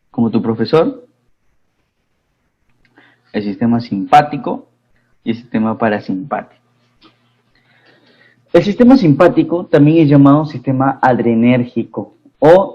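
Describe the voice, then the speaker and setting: A Peruvian man at a middle pitch teaches a pharmacy course. He talks in loose, repetitive phrases and keeps checking in with his students. The sound is dull and lo-fi, like an online class recording. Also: breathy edge. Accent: Peruvian Spanish. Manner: repeats phrases, asks the class questions.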